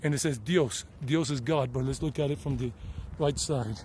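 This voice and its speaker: American man in his thirties, rambling casual vlogger, mellow tone, outdoor camera audio with faint ambience. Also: mid-range voice, normal speed, a little hiss or hum. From United States. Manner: chatty and rambling, with frequent restarts. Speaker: vlogger and tour guide. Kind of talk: casual hiking vlog. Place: outdoors on a hilltop trail near a highway. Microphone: handheld camera.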